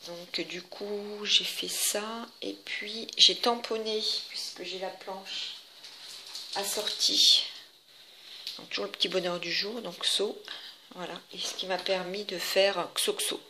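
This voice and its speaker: A woman's voice: mid-range voice, fairly even intonation, slow pace, noisy background. A woman casually walking through her handmade scrapbook album, chatty and hesitant, with lots of fillers and restarts. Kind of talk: casual craft tutorial.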